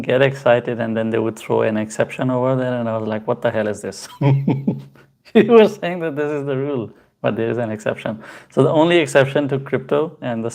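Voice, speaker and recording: A man hosting a casual crypto livestream, answering viewer comments in a halting way with many fillers and chatty asides. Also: medium pitch, vocal fry, a little mellow. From Pakistan. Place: home, in Canada.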